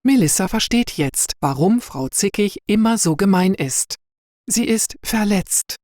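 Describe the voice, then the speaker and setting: A woman narrating a story slowly and clearly for language learners. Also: mid-range voice, animated, a little mellow, no echo, studio quality. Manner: clear and deliberate.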